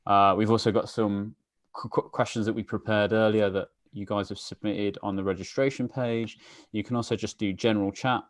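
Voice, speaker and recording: Guy hosting a webinar, lowish voice, loose and chatty, dry close sound. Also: level tone, a little fast, few pauses, no echo. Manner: chatty, filler-heavy, greeting viewers by name. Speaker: webinar host. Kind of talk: casual live-stream chat.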